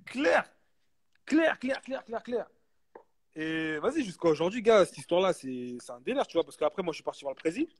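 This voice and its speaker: A young man chatting casually as a guest, telling a story in animated street slang and repeating himself for emphasis. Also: high-pitched, fairly quick, breathy edge. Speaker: guest, basketball player.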